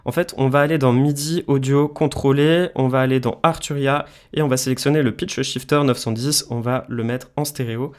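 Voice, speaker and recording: This is a laid-back screen-share tutorial on music production, with a man explaining the steps informally. His voice sits at a medium pitch and has a darkish tone.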